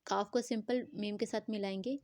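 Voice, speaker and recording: A woman gives a slow tajweed lesson on Quran recitation, spelling out words letter by letter and stretching the nasal sounds. Her voice is medium in pitch, a little mellow, with fairly even intonation.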